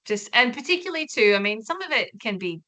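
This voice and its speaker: A woman's voice: fairly high pitch, very animated, quick pace, bright, forceful tone. An Australian woman lecturer running an online orientation session in a chatty, informal way over a video call. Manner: chatty, friendly, loose and informal.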